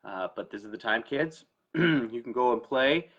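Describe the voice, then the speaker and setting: Speaking a little slowly in a muffled recording, an estate planning attorney hosts a story time talk aimed at the camera. His medium-pitched voice is animated and fairly bright, and his educational explanations are informal and emphatic.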